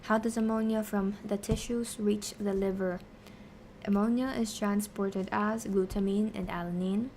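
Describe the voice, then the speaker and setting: A woman's voice: mid-range voice, steady tone, normal speed, darkish tone, a little hiss or hum. A woman explaining science casually on a study stream, posing questions and answering them, half talking to herself as she works through them. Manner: talks to herself while working through answers. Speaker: streamer teaching biochemistry.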